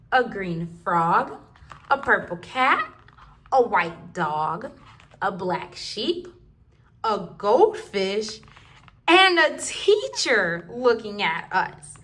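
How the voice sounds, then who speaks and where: A woman's voice: medium pitch, a bit bright. A woman reading rhyming picture books aloud to toddlers in a sing-song, rhythmic way. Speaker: children's book reader.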